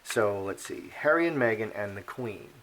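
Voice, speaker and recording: A man's voice: fairly low pitch, animated, normal speed, a bit bright, a little hiss or hum. A man reading playing cards and commenting in a rambling, opinionated monologue, full of fillers and restarts. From Polish heritage. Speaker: card reader and commentator. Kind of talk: casual monologue.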